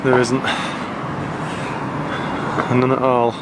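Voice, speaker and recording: A man's voice: mid-range voice, completely flat delivery, very slow. A man giving casual, chatty commentary as he walks outdoors filming a vlog. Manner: chatty, colloquial. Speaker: vlogger. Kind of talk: casual walking commentary to camera and passers-by. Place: outdoors, walking through town streets. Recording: very noisy outdoor street with traffic.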